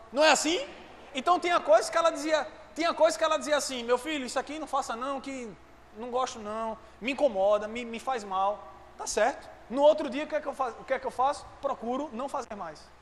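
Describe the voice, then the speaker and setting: A man preaching a sermon, fervent and at times rising to shouts. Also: extremely high pitch. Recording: echoey hall with faint noise.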